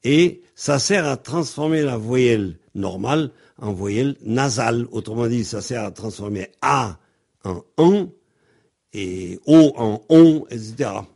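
A man's voice: medium pitch, expressive, a little slow, creaky, slightly rough. A man teaching pronunciation, speaking hesitantly with frequent ums and spelling words out letter by letter. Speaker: Breton language teacher.

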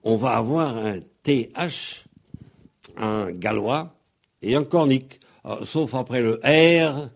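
A man on the radio patiently explaining pronunciation like a teacher, spelling out letters and pausing on fillers. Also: medium pitch, vocal fry, breathy edge. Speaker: guest explaining Breton pronunciation.

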